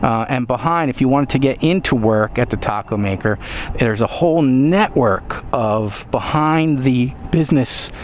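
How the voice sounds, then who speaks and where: Guy in his 50s from the east coast rambling old stories inside a bike helmet, road noise all over, dramatic pauses. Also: mid-range voice, animated. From United States, East Coast. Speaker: motovlogger. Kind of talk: casual storytelling vlog. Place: outdoors, riding a motorcycle. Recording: clear engine and road noise.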